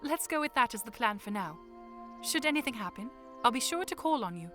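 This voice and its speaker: Young princess, played by a woman: higher-pitched, polite and earnest, formal phrasing, audio drama with music underneath. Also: lively intonation, a little fast, a bit bright. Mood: composed, formal. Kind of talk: fan audio drama acting.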